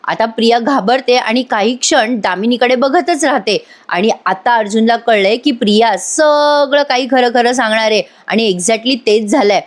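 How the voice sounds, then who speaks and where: A woman giving an excited voice-over recap of a serial episode, addressing viewers directly and mixing in English words. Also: a little high, moderate pace, hardly any pauses. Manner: mixes English words into speech.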